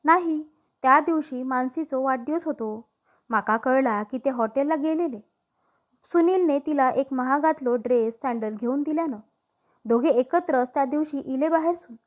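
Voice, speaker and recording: A sly middle-aged gossip leans in, as a woman reads her, dripping hints in a confiding, insinuating tone. Her voice sits high and light, and this is a spoken storybook. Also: moderate pace, natural voice.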